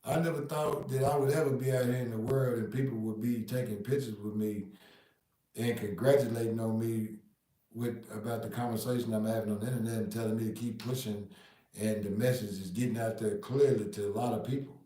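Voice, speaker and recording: A man's voice: lowish voice, steady tone, fairly quick, mellow, far from the mic. A man from Nashville with a Southern accent, talking casually in a podcast monologue, dropping "man" and "you know" through his sentences. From Nashville, Tennessee. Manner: laid-back, repeats "man" and "you know what I mean". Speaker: podcast host. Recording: very echoey room, off-mic.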